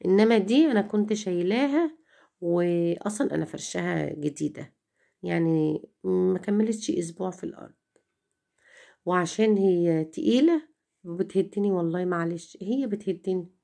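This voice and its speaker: A woman's voice: lowish voice, moderate pace, creaky, long pauses, warm tone. A middle-aged Egyptian woman chatting to viewers in a home vlog, complaining and repeating herself as she talks. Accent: Egyptian Arabic. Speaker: home vlogger.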